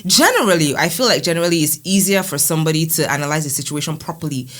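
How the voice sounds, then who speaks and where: A woman's voice: low-pitched, very fast. A woman with a Nigerian accent chatting casually as a podcast co-host, acting out conversations as she tells stories. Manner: animated, acts out quoted conversations. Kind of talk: casual storytelling chat.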